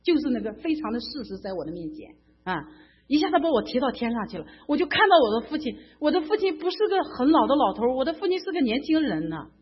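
Husky middle-aged woman giving fervent testimony. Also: high voice, big pitch swings, fast, hardly any pauses. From mainland China. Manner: emotional, fervent, repeats herself with stammered restarts. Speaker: church member giving testimony. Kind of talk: personal faith testimony. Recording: dull lo-fi recording.

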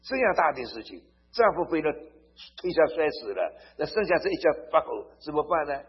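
A man preaching a sermon. He tells stories to make his points, turns emphatic and swells loud on key phrases, and often asks his listeners "好不好?". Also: fairly high pitch, very animated, normal speed, husky. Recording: dull lo-fi recording.

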